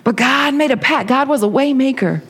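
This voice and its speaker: A woman's voice: high-pitched, normal speed, slightly rough. A woman preacher delivering a sermon in a church sanctuary, building to a repetitive, rising preaching cadence. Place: church sanctuary with rows of chairs. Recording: long reverb of a hall.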